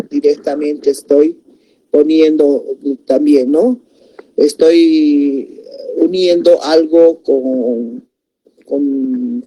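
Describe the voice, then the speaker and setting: A woman explains spelling in a slow lesson, repeating words and checking in with tag questions. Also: low-pitched, mellow, slightly rough. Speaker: teacher.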